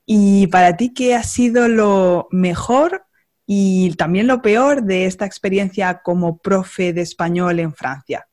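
A woman from Spain, hosting a podcast and interviewing a guest in a friendly, measured way. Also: mid-range voice, a little mellow. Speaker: podcast host.

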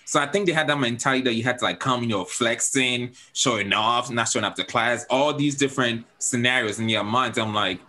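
A man's voice: medium pitch, a little fast, few pauses, sharp tone, low-quality recording. A man from Africa hosting a casual podcast chat who often checks in with his listeners. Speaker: podcast host.

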